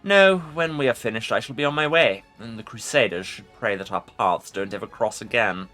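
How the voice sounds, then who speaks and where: A man's voice: medium pitch, moderate pace, bright, forceful tone, faint music behind, close to an everyday voice. A man voicing an ancient undead lich from a fantasy game, arrogant and imperious, with pompous formal speech. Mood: arrogant, dismissive. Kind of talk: dramatic video game role-play reading.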